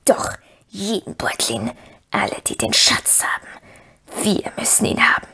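Reading aloud, a woman performs a full character voice for the dark side of a wretched male creature, hoarse and hissing as he mutters greedily and schemes to himself. Her pitch is medium, and the delivery is very animated, unhurried and whispered.

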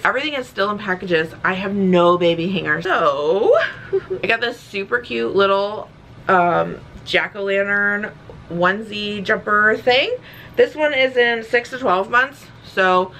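A young woman vlogs from home in a bright, forceful voice. She is a little short of breath and rambles casually with plenty of fillers. A faint ambient hum sits under the recording. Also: medium pitch. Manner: chatty and rambling, with frequent fillers and laughs. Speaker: vlogger. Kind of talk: casual chat.

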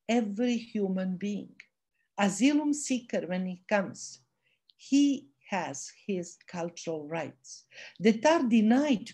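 A woman with a voice giving an online lecture over a video call. She speaks in a measured way and pauses to search for words. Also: mid-range voice, a little mellow. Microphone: computer mic on video call.

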